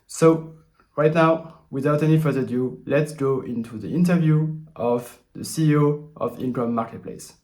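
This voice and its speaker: A man's voice: a little high, moderate pace, darkish tone. A man hosting a channel, introducing an interview in a straightforward way with a few fillers. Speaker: channel host. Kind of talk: video introduction.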